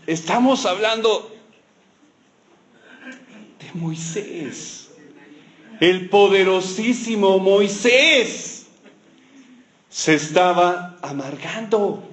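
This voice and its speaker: A man's voice: sits high, lively intonation, extremely slow, pauses often, a bit bright. A man preaching a sermon, telling a Bible story in a playful, teasing way with joking asides.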